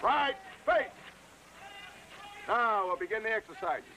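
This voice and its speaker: A bossy army drill sergeant who barks clipped orders at his squad. His voice sits high and swings widely up and down. The tone is bright and sharp, and he drags the words out slowly. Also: lively intonation, a little hiss or hum, heavily acted, rough recording. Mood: barking orders. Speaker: drill instructor.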